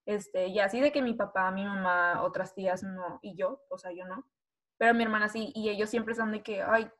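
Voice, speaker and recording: A young woman, co-hosting a podcast and telling stories in a lively chat, acting out the voices of people in them. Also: mid-range voice, normal speed. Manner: animated, acts out voices in her story. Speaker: podcast co-host. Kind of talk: casual chat, storytelling.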